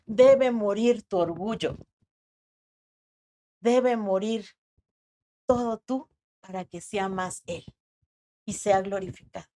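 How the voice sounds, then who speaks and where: A woman preaching a sermon with a Mexican Spanish accent, slow and dramatic, acting out the voices she quotes. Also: medium pitch, warm tone.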